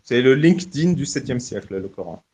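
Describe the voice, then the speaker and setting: A man's voice: mid-range voice, expressive, a little fast, warm tone, breathy edge. A man hosting a casual live audio chat, joking and often restarting his sentences. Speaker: host.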